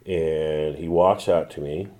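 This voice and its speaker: A middle-aged man, a defense attorney, telling a personal story in an interview in a reflective, measured way with pauses. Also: extremely low pitch, steady tone, dark tone. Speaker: defense attorney, former prosecutor. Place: his law office.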